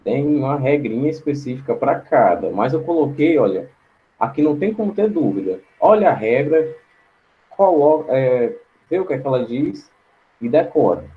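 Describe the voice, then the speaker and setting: A man's voice: medium pitch, lively intonation, normal speed, phone-quality sound. A male teacher giving an online class lecture, explaining step by step, often asking "right?" and repeating words aloud to show how they sound. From Brazil. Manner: frequent checking tags.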